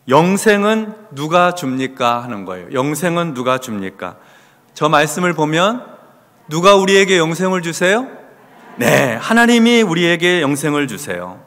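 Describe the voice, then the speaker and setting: Pastor, male, high and animated delivery, teaching sermon in a church with long reverb. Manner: lively preaching, asks the congregation questions and answers them. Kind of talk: Bible study sermon. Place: church sanctuary.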